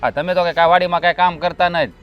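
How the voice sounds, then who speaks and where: An actor playing a short-tempered, defensive elder brother and farmer, speaking with a Kathiawadi Gujarati accent. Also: male voice, high voice, fairly even intonation, clean tone, lo-fi sound, soft background music, natural voice. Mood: explaining. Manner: defensive and quick to snap. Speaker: elder brother in a land feud. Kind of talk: rural family drama acting.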